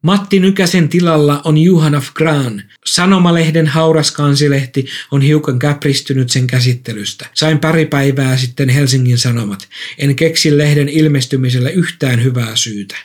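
A man reading a first-person story aloud in a calm, measured way. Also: fairly high pitch. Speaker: narrator.

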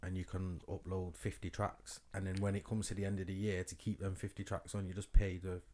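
A man's voice: low-pitched, level tone, brisk, a little mellow, slight background noise. A young man with a British accent, interviewing in a casual, slangy and agreeable way. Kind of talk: casual chat.

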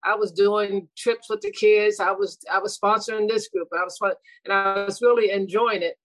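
Speaking at a moderate pace with fairly even intonation, this mid-range female voice belongs to a middle-aged former school administrator. She reflects earnestly in a relaxed interview, restarting her sentences often and laughing softly. The audio is poor, though echo-free.

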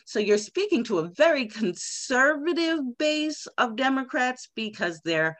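A woman's voice: high-pitched, no room sound. A woman political candidate speaking emphatically in an interview. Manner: animated, emphatic, quick bursts. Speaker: congressional candidate, guest. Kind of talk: conversational interview.

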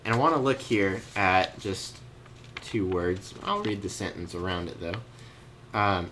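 A man's voice: sits low, unhurried, noisy background. A young man leading a casual Bible lesson, telling the story with jokes and laughs. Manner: joking, animated storytelling with laughs. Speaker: youth Bible study leader. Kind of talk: casual teaching.

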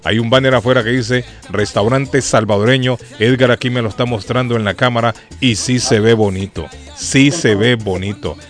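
A man's voice: medium pitch, steady tone, normal speed, few pauses, soft background music. A man hosting a live radio show from the studio, chatting and often repeating himself as he affirms what others say.

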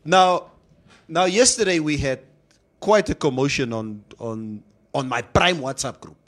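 A man's voice: on the high side, expressive, measured pace, fairly bright tone. A man hosting a casual, opinionated discussion, slipping in Afrikaans phrases. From South Africa. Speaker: talk show host.

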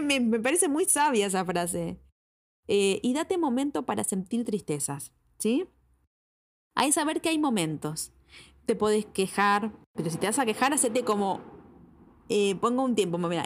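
A woman with an Argentine accent, a psychologist talking straight to the listener with advice and repeating words for emphasis. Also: mid-range voice. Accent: Argentine Spanish. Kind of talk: advice talk to camera.

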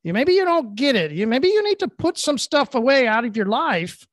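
In a dry, studio-quality recording, a middle-aged podcast co-host speaks at normal speed in a very high voice that swings widely in pitch. The talk is casual and motivational, and he rambles earnestly at length, going over the same points again and again.

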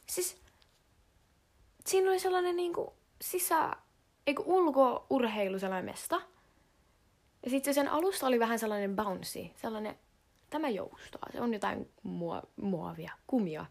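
A teenage girl from Finland chats on her own in a slangy, dramatic way, swearing freely. Her voice sits fairly high with a gravelly edge of vocal fry, and she swings from hushed whispers to loud outbursts. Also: lively intonation, long pauses. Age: teens. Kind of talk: casual monologue.

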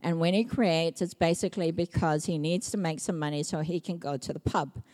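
Lively Samoan-raised woman preaching testimony. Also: lowish voice, brisk. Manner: lively storytelling, acts out quotes, laughs often. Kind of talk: personal testimony sermon.

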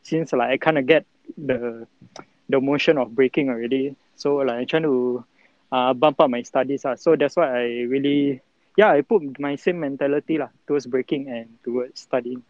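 A breakdancer in his twenties with a Singaporean accent gives casual, rambling interview answers in colloquial Singlish, halting and packed with fillers and particles like lah, lor and mah. His voice is medium in pitch with a darkish tone, and the recording is muffled without echo.

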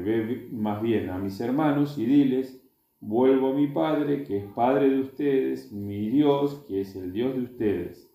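A man's voice: medium pitch, creaky, dark tone. Argentine man teaching a Bible class. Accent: Argentine Spanish. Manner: reads aloud, then stops to add plain explanations. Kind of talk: reading scripture and explaining to a group. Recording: echoey room.

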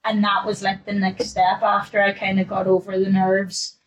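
A woman's voice: mid-range voice, monotone, moderate pace, rough recording. Laughing, chatty young woman coach. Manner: chatty, laughs often, acts out her past self. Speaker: newly qualified fitness coach, podcast guest. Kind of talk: casual podcast chat.

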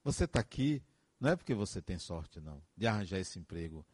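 Earnest man, lively pitch. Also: fairly quick, breathy edge, no echo. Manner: earnest, advice-giving, emphatic repetitions. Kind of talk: reflective motivational monologue.

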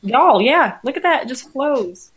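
Playful young woman, lively voice. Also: high-pitched, measured pace, breathy edge, low-quality recording. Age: 20s. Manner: playful, laughing, defensive. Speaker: podcast co-host. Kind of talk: casual group chat.

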